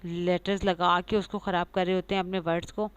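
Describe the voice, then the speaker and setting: Woman, smooth clear voice, patient teacher, slow careful English, repeats words. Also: fairly low pitch, flat delivery. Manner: explains patiently, reads English lines slowly, repeats example words. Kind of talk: lecture mixing Urdu and English.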